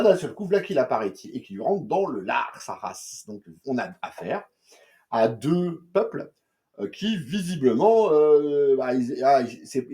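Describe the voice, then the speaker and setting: A man's voice: mid-range voice, warm tone. A man reviewing comics in casual chat, slangy and joking, rambling with many fillers and restarts.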